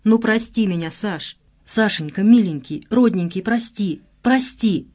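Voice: mid-range voice, lively intonation, slow, darkish tone. An audiobook reader voicing a guilty, desperate young woman who pleads in a breaking voice. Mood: begging. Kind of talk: audiobook character voice.

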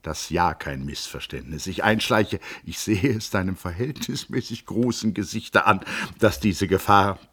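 In a literary audiobook reading, a man performs a full character voice as a grand, commanding old man. His low-pitched, fairly bright tone carries a breathy edge, and he speaks in solemn, emphatic, halting phrases that break off midway.

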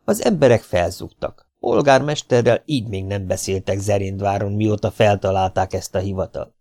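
Low-voiced male audiobook narrator, wry storytelling, dry recording. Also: expressive, a little mellow, no echo. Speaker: audiobook reader.

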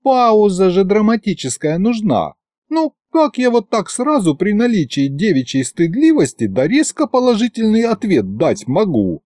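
A woman's voice: mid-range voice, very animated, normal speed, mellow, no echo, clean studio sound, pitched above the performer's own voice, lightly acted. A man voicing a playful, coquettish young bride who teases and drawls languidly. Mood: teasing. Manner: teasing, languid.

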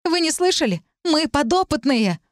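A woman's voice: high-pitched, moderate pace, no echo, studio quality, voice pushed up, lightly acted. A woman reading an audiobook, voicing a panicked, desperate young woman in breathless, pleading outbursts. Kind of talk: audiobook character voice.

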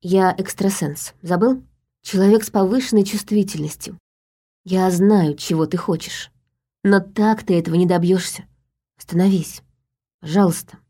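A woman voicing a calm young female psychic who speaks quietly and persuasively, in an audiobook. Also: lowish voice, normal speed, lightly acted. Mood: quiet firm. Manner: quiet, soft-spoken, persuasive.

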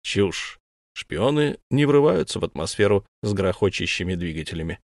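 A man's voice: sits low, moderate pace, dry recording. A man reads a stubborn captured spaceman from an audiobook, answering in a level, clipped voice. The recording is dry and close. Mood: curt. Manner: flat, terse answers. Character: stubborn human prisoner, dry and curt. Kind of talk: audiobook character voice.

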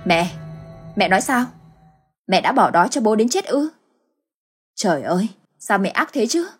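A woman's voice: mid-range voice, big pitch swings, moderate pace, soft background music, close to an everyday voice. A woman voicing a distraught young married man pleading with his mother in a storybook tale. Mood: anguished. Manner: pleading, shocked.

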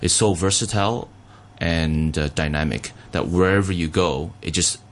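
Man, from Taiwan, chef guest, deep voice, halting, filler-heavy answers. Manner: relaxed, hesitant, many fillers and restarts. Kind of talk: radio interview.

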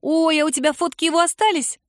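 Woman reader playing eager nosy girl, high and gushing, dry close read. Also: steady tone, fast, dry recording. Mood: chirpy, cheeky. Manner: breathless pleading, squealing enthusiasm. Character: excitable pushy young girl, adoring and nosy.

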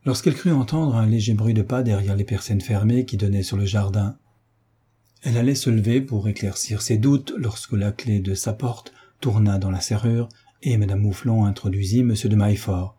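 A man reading a classic novel aloud as an audiobook narrator, measured and even. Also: on the low side, breathy edge. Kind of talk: scripted narration.

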